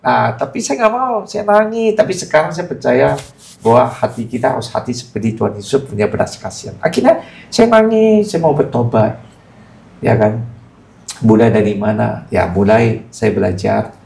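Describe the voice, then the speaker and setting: A middle-aged man with a gravelly, creaky edge tells his life story on a podcast. He speaks casually and with feeling, his voice springing high at emotional moments. The room around him is echoey. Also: expressive, moderate pace, a little mellow. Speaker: guest giving testimony.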